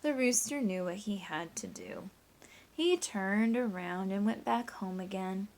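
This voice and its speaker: With a darkish, medium-pitched voice that swings widely in pitch, a woman teacher reads a picture book expressively at an unhurried pace, with slight background noise. She mixes in simple math, taking young listeners through sums step by step and prompting them with questions.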